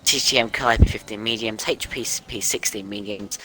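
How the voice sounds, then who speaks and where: A man doing casual live commentary on an online sim race, chatty and reeling off grid positions quickly. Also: fairly low pitch, steady tone, bright, forceful tone, low-quality recording.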